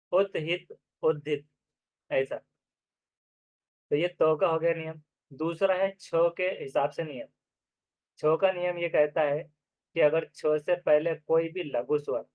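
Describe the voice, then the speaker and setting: A man teaching an exam-prep grammar lesson, explaining step by step and repeating each example slowly. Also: on the high side, a little mellow, no room sound. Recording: dry, phone-like narrow sound.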